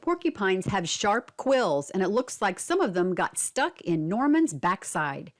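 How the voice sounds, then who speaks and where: A woman reads a picture book aloud to children in a mid-range, sing-song voice, taking her time. She explains things simply to her young listeners and asks them guiding questions.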